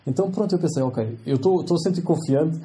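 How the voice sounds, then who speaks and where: A young man in his twenties with a European Portuguese accent, a medical student telling lively, slangy anecdotes as a guest in a casual interview. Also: a little high, fast talker. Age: 20s.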